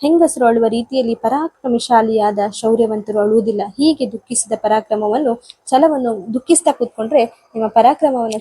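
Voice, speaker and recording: A woman's voice: on the high side, dark tone, breathy edge, poor audio. A woman teacher explaining an exam text, paraphrasing verses and then retelling them in simple everyday words. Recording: half recorded without mic, uneven volume.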